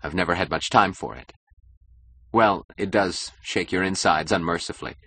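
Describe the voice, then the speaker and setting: A man's voice: deep voice, normal speed, bright, forceful tone, slight background noise. Man voicing an eager, boastful young husband. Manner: eager, boastful, nervously defensive. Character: insecure, status-hungry young husband. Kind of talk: audiobook character voice.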